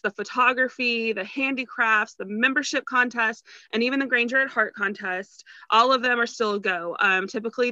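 A woman's voice: on the high side, pushed and bright, no room sound. A young woman giving an upbeat update over a video call from outdoors, running through a list of items. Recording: dull, dry sound.

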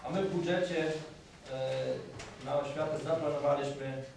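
A middle-aged man, a municipal official, gives a formal speech to a council, halting often with filler sounds. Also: fairly high pitch, steady tone, darkish tone. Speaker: municipal official presenting the budget. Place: council meeting hall. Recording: echoey hall recorded from a distance, background noise.

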